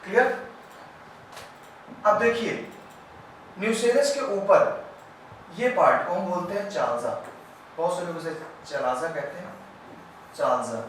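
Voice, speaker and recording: A man teaches a lesson, loud while explaining and quiet while he draws, and keeps checking that it is clear. His voice sits a little high. He is recorded from a distance in a very echoey room with faint hiss behind. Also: expressive, a little slow, pauses often. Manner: explains step by step, asks "clear?" often. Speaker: biology teacher. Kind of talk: classroom lesson at a board.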